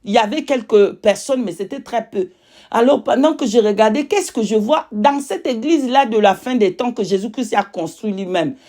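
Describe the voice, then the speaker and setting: In foreign-accented French, a non-native speaker bears religious witness with a warm, fairly high voice. She speaks emphatically and repeats herself, stopping at times to find the right word.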